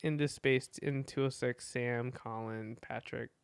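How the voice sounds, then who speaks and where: A man's voice: mid-range voice, steady tone, unhurried, creaky, smooth, dry recording. A man hosting a casual podcast chat, laid-back and laughing often, full of fillers. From Philippines. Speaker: podcast host.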